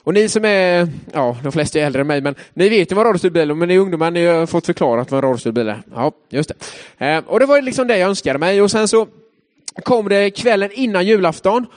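A young man leads a devotional in a loose storytelling way, his voice sitting a little higher than most men's. He drifts between story and reflection with plenty of hesitant filler sounds, keeping it casual and chatty. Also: expressive. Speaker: youth leader giving a devotional talk.

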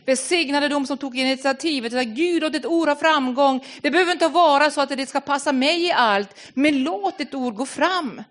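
Female preacher, earnest and conversational, a little higher-pitched, restarts and repeats words. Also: few pauses, fairly bright tone. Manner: earnest, repeats words while reaching for phrasing. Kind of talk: sermon.

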